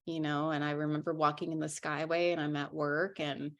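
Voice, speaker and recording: Low-pitched with little pitch movement, this woman talks a little fast on a muffled recording. She's a young writer and journalist from Minnesota, candid and frank as an interview guest, who frequently restarts her sentences.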